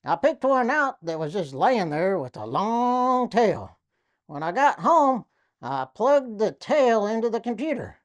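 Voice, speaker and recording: A woman's voice: fairly high pitch, unhurried. A woman comedian telling silly jokes and short stories, jumping into acted quotes. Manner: lively storytelling with acted quotes.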